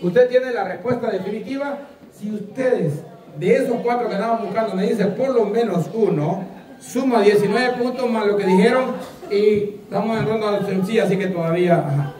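A game show host with a Salvadoran accent runs a quiz, teasing contestants and laughing often. His voice is high and his speed normal. The recording sounds echoey, with a distant mic and a loud crowd.

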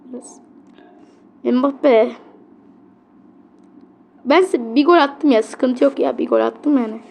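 A high-pitched woman narrating her own football match as she plays. Her voice has a gravelly fry running through it, and she swings from muttering complaints at the game to loud outbursts on big plays, then turns to her viewers with sheepish apologies. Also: takes it slowly. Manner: excitable, grumbling at the game, yelling on big plays. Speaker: gamer. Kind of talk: gameplay commentary.

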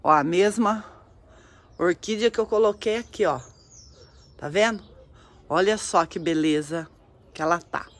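Woman host, lowish voice, very slow and admiring, giving a casual tour of an orchid house with birdsong behind. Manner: admiring, exclamatory, repeats words softly. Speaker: orchid grower and channel host. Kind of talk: casual guided tour, talking to viewers.

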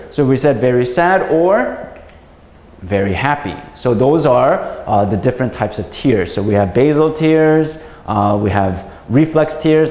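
Slightly high and a little mellow, a man's voice leads a patient science lesson for kids; he's an English teacher who keeps checking in with "right?" along the way. Long reverb fills the roomy recording.

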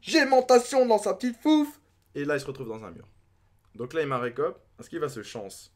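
A young man commentating his own game as a gaming youtuber, thinking aloud and breaking into excited outbursts. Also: a little high, moderate pace. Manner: excitable, talks to himself, sudden outbursts.

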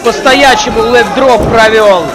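A man giving live play-by-play as a wrestling commentator, breaking from hesitant analysis into excited exclamations. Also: extremely high pitch, measured pace. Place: indoor wrestling event hall. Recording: noisy live arena, crowd behind. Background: crowd noise.

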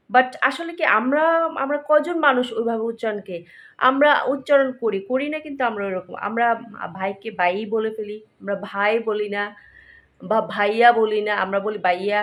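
A woman vlogger speaks with a Narsingdi Bengali accent in a slightly high voice. She chats casually and apologetically to her viewers, mixing English words into her talk. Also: animated, brisk, a bit bright. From Narsingdi, Bangladesh. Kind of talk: casual vlog chat to viewers.

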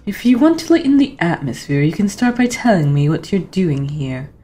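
Woman as Daffodil, a low-voiced prickly nun. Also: very animated, normal speed, dark tone, faint music behind. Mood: suspicious. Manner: curt, dismissive. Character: prickly, haughty, suspicious young nun Daffodil.

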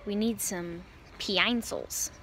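A woman's voice: medium pitch, takes it slowly, noisy background. A young woman vlogging in casual chat, upbeat and chatty with lots of fillers, filming herself on a handheld camera. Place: outdoors walking, then store aisles.

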